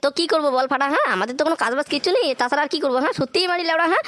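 A woman's voice: sits high, very animated, racing, very noisy. A woman voicing crude, slangy banter between rowdy cartoon lads, with constant tag questions. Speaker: cartoon voice artist.

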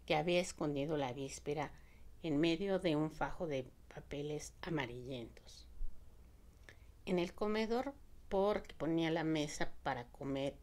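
Woman, low voice, audiobook narration, measured, expressive reading.

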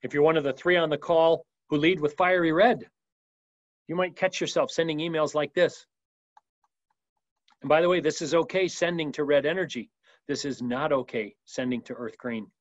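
A man presenting a business training webinar in a lively, emphatic way, now and then acting out sample voicemails. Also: on the high side, moderate pace, no room sound, muffled recording. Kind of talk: energetic business training talk. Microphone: video call mic.

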